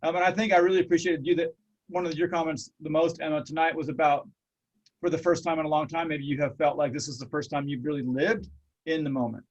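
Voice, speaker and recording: A middle-aged man hosts a casual interview. He talks in an earnest, rambling way, stopping often to reflect. His voice sits slightly high for a man. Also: steady tone, fast talker, lo-fi sound. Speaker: host.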